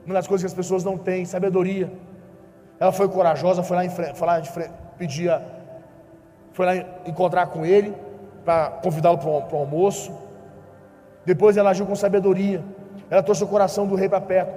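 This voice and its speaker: A man's voice: high voice, little pitch movement, fairly quick, pauses often, dark tone, long reverb tail. A Brazilian man preaching a sermon, asking his listeners questions and acting out the dialogue of the story he tells. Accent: Brazilian Portuguese. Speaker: pastor.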